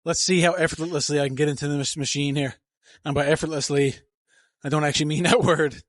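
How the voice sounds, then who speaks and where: A man's voice: a little high, steady tone, fast talker, dry recording, clean studio sound. A man talking through his workout in a gym, coaching and rambling casually into a handheld mic, breathing hard between sets. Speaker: fitness vlogger. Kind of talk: casual gym vlog narration.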